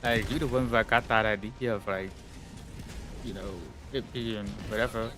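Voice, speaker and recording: A man's voice: lowish voice, steady tone, moderate pace. A man live streaming, chatting casually and rambling, his talk full of fillers, his voice a bit stuffy-nosed. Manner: rambling, filler-heavy, full of "like" and "you know". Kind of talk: casual chat while gaming on stream.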